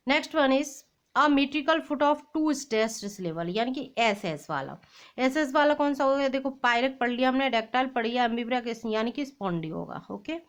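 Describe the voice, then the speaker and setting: This is an exam-prep lesson where a high-voiced woman, an English teacher, reads quiz questions aloud. Each English question is read slowly, and the explanation comes quickly in a mix of Hindi and English.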